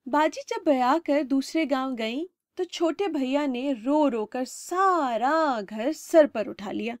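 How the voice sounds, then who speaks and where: Using lively intonation, a high-pitched woman tells a children's story with expressive, storyteller-style delivery. The sound is close and dry, with minimal room sound and no echo.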